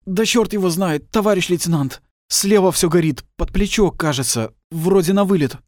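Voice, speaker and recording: A man's voice: fairly high pitch, animated, moderate pace, no echo, studio quality, pitched above the performer's own voice, natural voice. A man playing a wounded, weary young soldier. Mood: strained. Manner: weak, groaning. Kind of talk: audiobook character voice.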